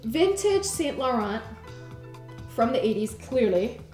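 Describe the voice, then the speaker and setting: A young fashion blogger from Munich, Germany, chats enthusiastically about her clothes in a casual interview while showing her wardrobe, filling her speech with "like" and "you know." Her voice is on the high side, sing-song, slow and a little mellow. The room is echoey, with music playing behind her.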